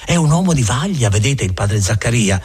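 A man voicing a chatty, kindly friar who talks in a garrulous, folksy, self-assured way, with a husky voice. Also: mid-range voice, lively intonation, fairly quick. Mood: reassuring.

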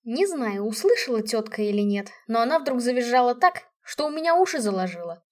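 A woman reads a first-person story aloud with lively expression. Her voice sits fairly high. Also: brisk. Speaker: audiobook narrator.

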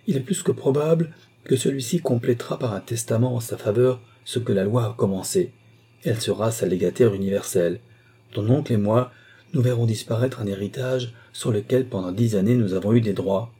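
A man's voice: fairly low pitch, mellow, breathy edge. A man voicing a middle-aged mother who presses her son with insistent, persuasive arguments.

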